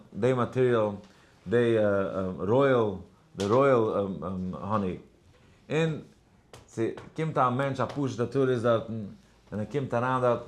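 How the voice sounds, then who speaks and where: A man giving a Torah class, telling a parable in a rambling way with many fillers and English words mixed in. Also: on the low side. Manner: chants verses in a sing-song. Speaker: rabbi giving a daily class. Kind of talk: Torah lecture in story form.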